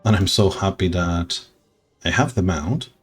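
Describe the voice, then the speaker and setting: A man streaming a game, talking slowly and sentimentally, rambling with soft laughs. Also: sits low, slightly rough, faint music behind. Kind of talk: casual game stream chat.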